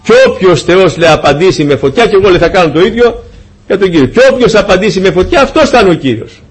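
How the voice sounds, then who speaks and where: A man preaching a sermon, retelling a scripture story in lively, humorous fashion and acting out the dialogue. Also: high voice, husky, faint music behind.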